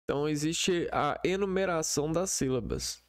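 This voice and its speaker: A man teaching an online lesson over a shared screen, in a slow, hesitant way full of fillers. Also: on the high side, no room sound, clean studio sound.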